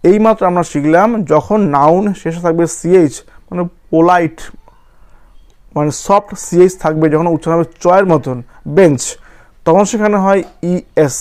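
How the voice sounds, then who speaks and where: A man's voice: fairly high pitch, moderate pace, a little mellow, clear, resonant tone. A man teaching a grammar lesson, spelling words out letter by letter and often checking that students follow. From West Bengal.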